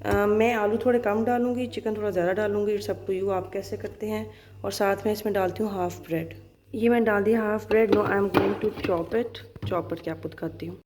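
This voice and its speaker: Woman, 30s, Pakistani Urdu accent, fast chatty vlogger, laughs easily, light background noise. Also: mid-range voice, steady tone, a little mellow. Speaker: vlogger and schoolteacher. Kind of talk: casual vlog chat and cooking demo.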